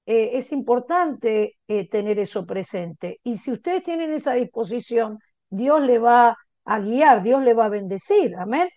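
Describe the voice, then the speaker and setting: A woman's voice: fairly high pitch, animated, measured pace, mellow, no room sound. A woman pastor with an Argentine Spanish accent, preaching earnestly and encouraging her listeners. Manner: earnest and encouraging, laughs between stories. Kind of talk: sermon with personal anecdotes.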